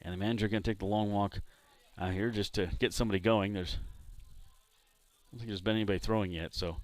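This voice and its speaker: A man from San Diego doing play-by-play commentary for a baseball game, chatting between pitches. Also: a little fast, no echo. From San Diego, California. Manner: relaxed, chatty between pitches, jumps up loud on big hits. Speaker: play-by-play announcer.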